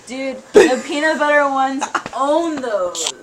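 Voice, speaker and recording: A woman with a high voice talks casually and slangily among friends. Other voices are clearly audible behind her. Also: expressive, slow, crowd noise. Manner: informal, slangy, swearing. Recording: noisy room with voices behind.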